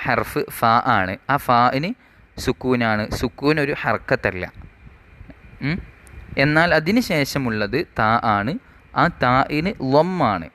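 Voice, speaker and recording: Man calmly teaching Arabic grammar. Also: mid-range voice. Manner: reads Arabic rule text slowly, then explains it; asks questions and answers them himself. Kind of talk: explaining a grammar lesson.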